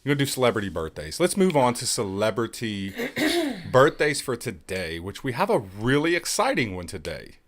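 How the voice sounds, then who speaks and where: A man's voice: medium pitch, big pitch swings, moderate pace, a bit bright. A man in his thirties hosting a casual live podcast, sarcastic and joking, swearing freely. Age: 30s. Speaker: podcast host.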